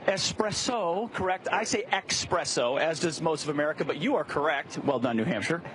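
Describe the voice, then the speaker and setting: A man's voice: a little high, animated, fast, slight background noise. A man hosting an outdoor morning show segment, quizzing passersby with jokey, upbeat banter. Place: outdoors on a city plaza.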